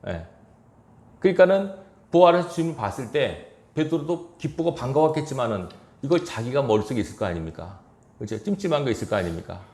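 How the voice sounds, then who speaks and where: A male pastor with a gravelly, creaky voice preaches from the pulpit, telling his story with lively rises and falls in pitch. He acts out the voices of the people in the story and chuckles now and then. The sound carries through an echoey church sanctuary. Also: fairly quick. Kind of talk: sermon.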